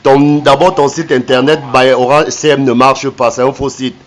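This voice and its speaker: A man from Cameroon on a recorded phone call, slow and hesitant when reading numbers back, then taunting the caller with repeated insults. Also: mid-range voice, flat delivery. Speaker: phone call recipient exposing a scammer.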